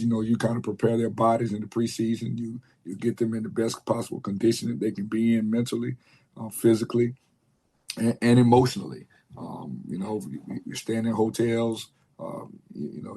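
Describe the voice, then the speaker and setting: A man coaching college basketball, speaking in a measured way in an interview, slightly hoarse from losing his voice. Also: fairly low pitch, dark tone. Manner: measured, repeats words while thinking. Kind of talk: radio interview.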